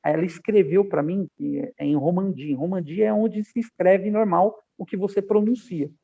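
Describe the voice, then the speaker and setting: Gravelly-voiced man telling stories over a tinny line. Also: sits high, moderate pace. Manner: animated storyteller, acts out quoted dialogue. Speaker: podcast guest, aviation professional. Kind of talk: casual interview storytelling.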